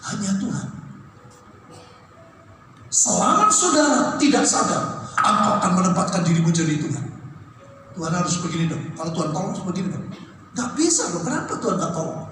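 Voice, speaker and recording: A man preaching a sermon in a large church hall, animated, acting out the voices of people in his story. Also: high-pitched, fast, a little hiss or hum. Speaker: pastor. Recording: echoey hall from far off.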